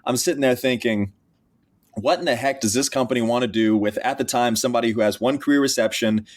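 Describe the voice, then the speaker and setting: A young man in his twenties from Texas, a college football player who is the guest on a podcast. His voice sits at an ordinary middle pitch, and he tells his story earnestly, stopping to restart his sentences now and then. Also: quick pace. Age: 20s. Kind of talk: podcast interview.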